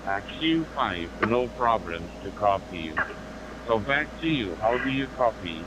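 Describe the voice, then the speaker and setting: Male ham radio operator, German accent, lowish voice, hesitant phrasing, noisy handheld radio transmission. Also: lively intonation, a little slow. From northwest Germany. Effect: two-way radio. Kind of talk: ham radio contact chat.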